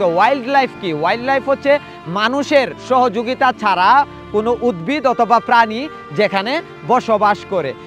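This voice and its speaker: A high-voiced man vlogging from a safari vehicle with a handheld camera, excited and at times hushed. His tone is casual and chatty. Soft music plays faintly under his voice. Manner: excited, hushed at times while filming wildlife. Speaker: travel vlogger. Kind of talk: casual travel vlog narration.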